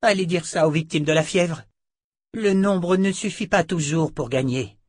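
A man's voice: on the high side, normal speed, no room sound, clean studio sound, voice pushed up, natural voice. A man voicing a weary, grave sorceress in a fantasy audiobook, lecturing somberly. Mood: insistent.

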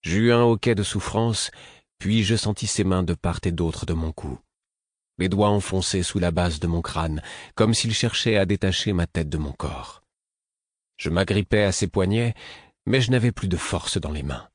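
A man giving measured first-person narration for an audiobook. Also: deep voice, dry recording, clean studio sound.

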